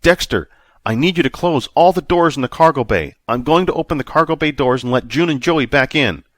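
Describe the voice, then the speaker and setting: Man doing a shouting, desperate space captain. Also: fairly low pitch, lively intonation, a little fast, no echo, studio quality. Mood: urgent, shouting. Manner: shouting, demanding.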